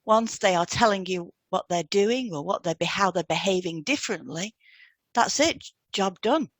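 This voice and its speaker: Here a woman with a mid-range voice and lively intonation speaks at a moderate pace, with no room sound. Co-hosting an educational podcast as a hypnotherapy trainer, she reads scripted explanations aloud in an instructive manner.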